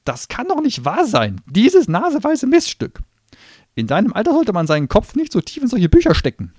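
Sarcastic little gnome demon, shrill and sneering, very high and swooping, storybook audiobook. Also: male voice, wildly swooping pitch, normal speed, darkish tone, no echo, studio quality, heavily acted. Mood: cursing. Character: sarcastic, hot-tempered little male wish-granting gnome demon. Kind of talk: audiobook reading.

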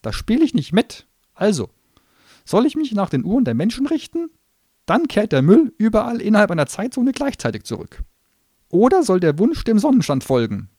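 A man voicing a sarcastic, hot-tempered little male gnome demon who grants wishes, shrill and mocking, in an audiobook reading. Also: wildly swooping pitch, moderate pace, mellow, no echo, studio quality, full character voice. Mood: pedantic.

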